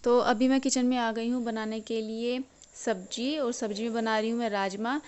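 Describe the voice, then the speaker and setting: A woman's voice: a little high, steady tone, moderate pace, a little mellow, clear, resonant tone. A woman narrating a cooking voice-over and explaining each step plainly. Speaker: cooking vlogger.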